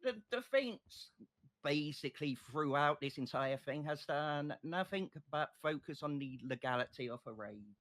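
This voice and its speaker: A man playing a state prosecutor in an online courtroom role-play, making a passionate, deliberate closing argument. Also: on the high side, lively intonation, a bit bright, low-quality recording. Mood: firm, insistent.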